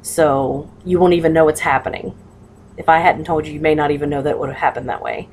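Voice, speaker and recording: Woman, low-pitched voice, casual vlog advice, halting matter-of-fact delivery, some background noise. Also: steady tone, a little mellow. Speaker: patient sharing surgery recovery advice. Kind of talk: casual personal vlog talk.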